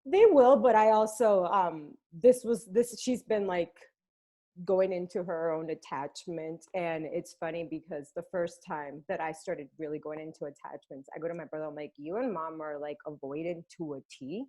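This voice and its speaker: A woman hosting a podcast interview, telling stories animatedly and laughing easily. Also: fairly low pitch. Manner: animated storyteller, quick to laugh. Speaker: podcast host. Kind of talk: casual conversational interview.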